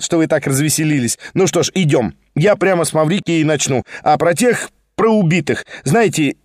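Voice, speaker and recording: A man voicing a fast-talking, scheming young nobleman who chatters and insists without pause. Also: on the high side, no echo, studio quality, lightly acted.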